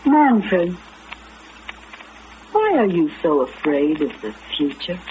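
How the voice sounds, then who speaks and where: An actress in an old radio drama plays a composed, frank woman counseling a friend in a measured, firm manner, her mood probing and earnest. Her voice is lowish, sing-song, and a little mellow, though the recording is muffled and noisy.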